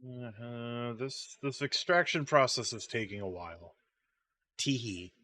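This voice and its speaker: A man's voice: medium pitch, lively intonation, measured pace, pushed and bright. Sleepy, rambling man streaming a game. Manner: rambling, idly hums while waiting. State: sleepy, yawning. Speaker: gaming streamer. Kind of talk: casual stream chatter.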